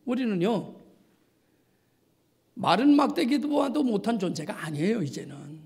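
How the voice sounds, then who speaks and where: A male pastor giving a sermon, preaching with passion and swinging from hushed whispers to near shouts. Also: high-pitched, sing-song, moderate pace, slightly rough. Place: church sanctuary.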